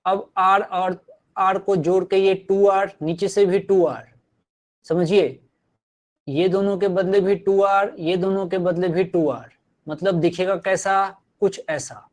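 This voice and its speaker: A man's voice: high voice, fairly even intonation, takes it slowly. A man teaching physics in a live online class, repeating phrases and encouraging his students.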